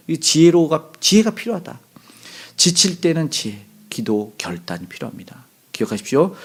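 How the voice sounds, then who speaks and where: Lively, chatty male pastor preaching. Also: medium pitch, breathy edge. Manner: conversational, asks the congregation questions; acts out quoted lines with sudden loud bursts. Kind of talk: sermon.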